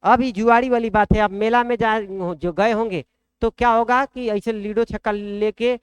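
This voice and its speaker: Bihari man teaching math, smooth voice. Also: high-pitched, fairly even intonation, normal speed. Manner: colloquial, asks the class questions. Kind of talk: blackboard lesson.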